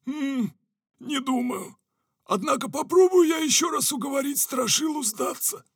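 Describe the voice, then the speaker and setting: A man's voice: extremely high pitch, animated, moderate pace, no room sound, studio quality, voice pushed up. A man voicing a power-hungry male villain ruler who bellows pompous commands in an audiobook. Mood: grumbling. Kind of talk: audiobook character voice.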